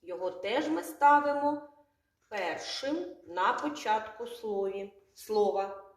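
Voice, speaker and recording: A woman teaching young children their first letter sounds, stretching words out slowly and asking the class questions. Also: medium pitch, lively intonation. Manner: slow, drawn-out sounds, asks children questions. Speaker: kindergarten teacher. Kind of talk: literacy lesson for young children. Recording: echoey room, from far off.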